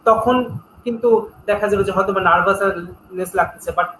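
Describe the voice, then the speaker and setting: Man, high bright voice, earnest teaching storyteller, echoey room with faint hum. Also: moderate pace. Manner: earnest, instructive, tells stories. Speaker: guest speaker on public speaking. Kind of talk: interview talk, storytelling.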